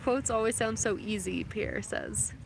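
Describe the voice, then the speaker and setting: A woman's voice: mid-range voice, a little slow, vocal fry. A young woman live-streaming from her phone outdoors, chatting casually and reading out comments, with plenty of fillers. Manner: chatty, filler-heavy, reads chat comments aloud. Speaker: livestreamer. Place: outdoors near passing vehicles. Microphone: phone held close. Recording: phone recording with outdoor noise.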